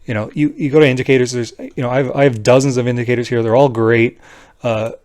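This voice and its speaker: A man's voice: medium pitch, fairly even intonation, fast, a little mellow, no room sound. Casual, blunt man explaining in a dry-sounding recording. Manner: informal and blunt, often checking with "right?". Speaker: trading tutorial presenter. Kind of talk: casual screen-share tutorial, unscripted explanation.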